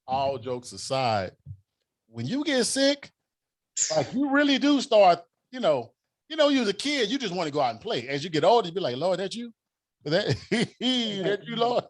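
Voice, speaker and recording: A man's voice: high voice, huge pitch swings, moderate pace. A man hosting a casual live-stream show, playful and teasing with loose slangy talk. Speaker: show host.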